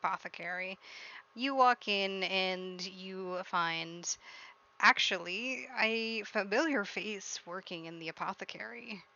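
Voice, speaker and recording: A woman's voice: medium pitch, takes it slowly, sharp tone. A woman running a tabletop game as game master, narrating and voicing shopkeepers over an online call. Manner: plays shopkeepers in her own voice. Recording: dull lo-fi online call audio.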